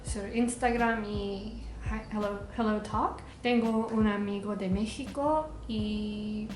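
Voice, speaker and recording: A young woman, a native English speaker with an English accent in Spanish, chatting casually for a vlog and haltingly searching for words. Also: medium pitch, fairly even intonation, darkish tone. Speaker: language-learning vlogger. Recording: echoey room, faint background noise.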